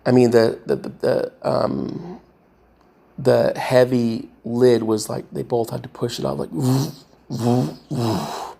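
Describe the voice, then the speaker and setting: Man, mid pitch, gravelly; halting casual monologue full of fillers. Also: flat delivery, warm tone. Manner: halting, many fillers and restarts, trying to recall. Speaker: vlogger retelling a movie rewrite.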